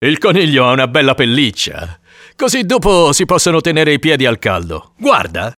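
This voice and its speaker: A man's voice: fairly high pitch, huge pitch swings, moderate pace, fairly bright tone, no room sound, clean studio sound, voice pushed up. A man doing a blunt, exasperated hunter. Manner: blunt, practical. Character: gruff adult male hunter, exasperated.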